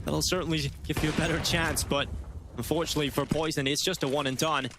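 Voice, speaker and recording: A man working as an esports caster, giving live play-by-play match commentary in a dramatic manner that builds into excited calls. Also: a little high, fast talker, noisy background.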